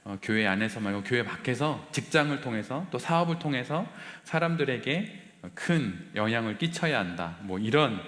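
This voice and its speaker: Male pastor, bright forceful delivery, deliberate pauses, sermon recorded in a reverberant church hall. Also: medium pitch, animated. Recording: echoey hall with long reverb.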